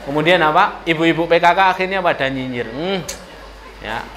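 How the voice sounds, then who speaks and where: A man with a Javanese accent delivers a sermon in a mosque, telling the story in a lively, playful way and often speaking straight to the women listening. His voice sits a little high, and a faint hiss runs under it. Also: fast. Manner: lively storytelling, addresses audience as ladies. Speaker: preacher. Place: mosque hall.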